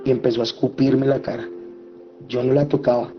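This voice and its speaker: A man's voice: level tone, brisk. A man telling an emotional personal testimony, speaking with passion. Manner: impassioned, voice climbing high when reliving the quarrels. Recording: slightly muffled with soft music behind.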